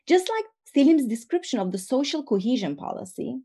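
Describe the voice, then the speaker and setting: A woman reading a prepared academic talk aloud, measured and analytical, with the odd restart mid-word. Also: sits high, big pitch swings, mellow, slightly rough. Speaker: academic presenter.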